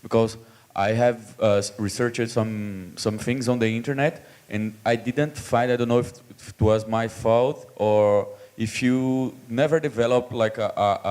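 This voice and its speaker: A man's voice: mid-range voice, measured pace, darkish tone. A young man from Brazil, a student asking a friendly, slightly hesitant question at a conference. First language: Portuguese. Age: young adult. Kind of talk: audience question.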